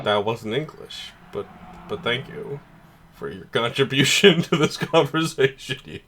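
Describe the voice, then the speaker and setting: Animated, sweary man over noisy background. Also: mid-range voice, measured pace. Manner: blunt, sweary, mock-outraged exclamations. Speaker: film reviewer. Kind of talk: casual profane comedic movie commentary. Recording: clearly noisy background with clicks.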